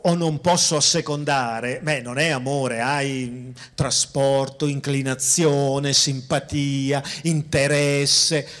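A man giving a public philosophy lecture, speaking conversationally to the audience and slowing down to stress key words. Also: medium pitch, fairly bright tone. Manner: conversational, addresses audience directly, repeats and restarts phrases. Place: outdoor town square.

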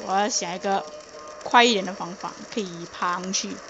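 A woman's voice: mid-range voice, moderate pace, dull audio. A woman commenting casually on a game she plays, talking to herself and urging herself to hurry. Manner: chatty, self-talking, urgent bursts of "hurry". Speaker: gameplay commentator. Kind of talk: casual let's-play commentary. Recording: loud background noise.

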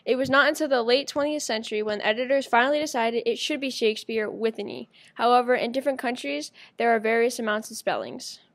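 A woman's voice: on the high side, fast talker, few pauses. A woman narrating a school project presentation, reading evenly from a script. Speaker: student presenter.

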